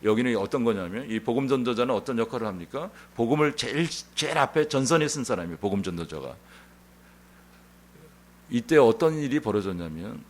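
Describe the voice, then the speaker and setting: A male pastor preaching a Sunday sermon in an animated, conversational storytelling manner. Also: medium pitch. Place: church sanctuary.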